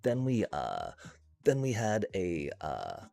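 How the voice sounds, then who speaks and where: A man's voice: low voice, huge pitch swings, slow, creaky, warm tone, soft background music. A man streaming a card game, ranting profanely with frustrated laughs between lines. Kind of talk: casual gameplay commentary.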